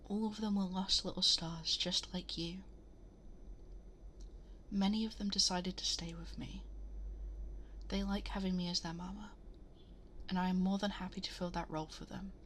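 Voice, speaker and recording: A woman as Princess Rosalina, soft motherly half-whisper. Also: fairly low pitch, slight background noise, natural voice. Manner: soothing, tender, reassuring, often breathy half-whisper. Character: gentle, motherly ageless cosmic princess, comforting a lost child. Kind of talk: ASMR bedtime story roleplay. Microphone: close binaural 3Dio microphone.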